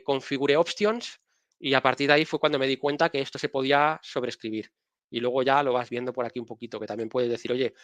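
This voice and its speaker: A man with a Spanish accent, a guest speaker casually explaining software on a live stream while showing his screen, often restarting his phrases. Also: mid-range voice, dry recording. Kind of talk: technical live-stream talk.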